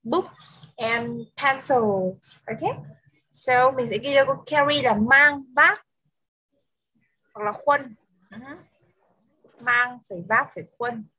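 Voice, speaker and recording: A woman teaching an English lesson over a video call, switching between Vietnamese and English and repeating words slowly for dictation. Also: fairly high pitch, sharp tone, slightly rough, low-quality recording.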